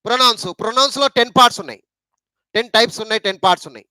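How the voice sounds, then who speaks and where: A man's voice: very high-pitched, racing, pushed and bright, no echo. A man with a Telugu accent teaching an English grammar lesson, repeating points and asking rhetorical questions.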